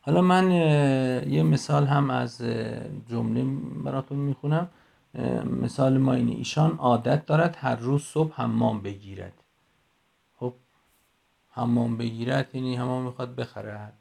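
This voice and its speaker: A man, middle-aged, teaching a class in a recorded voice message on a phone, explaining slowly and going through examples one by one. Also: mid-range voice, vocal fry, darkish tone. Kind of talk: recorded lecture.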